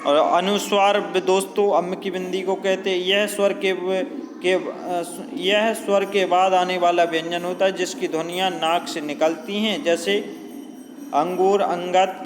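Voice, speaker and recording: A man teaching a grammar lesson, explaining slowly with many fillers and drawing out example words. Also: high-pitched, steady tone, crowd noise. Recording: long hall reverb, faint ambient noise.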